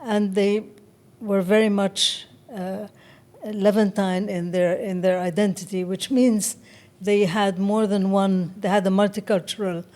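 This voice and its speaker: Reflecting on her life in an interview, an Egyptian-born writer near seventy talks in a gentle, mellow voice at a mid-range pitch with little variation. Her pace is slow and considered, broken by frequent pauses as she searches for words.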